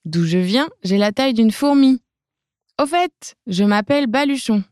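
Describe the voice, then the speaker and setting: A woman's voice: fairly high pitch, lively intonation, unhurried, a little mellow, smooth, dry recording, studio quality. A woman voicing a timid little boy dragon in a storybook reading, hesitant and stammering. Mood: friendly.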